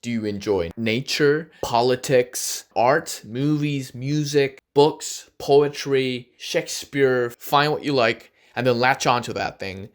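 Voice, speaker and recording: Speaking to camera, a young Argentine man and native Spanish speaker offers casual advice in an earnest, encouraging way, sometimes slowing down and stressing his words. He is a vlogger with a medium-pitched voice.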